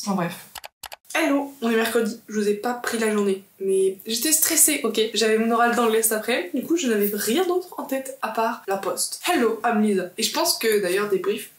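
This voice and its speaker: A woman's voice: medium pitch, darkish tone. A young woman in her twenties from France chatting casually in a vlog, rambling and correcting herself as she goes. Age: 20s. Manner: rambling, self-correcting, quick asides. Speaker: student vlogger. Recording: echoey room.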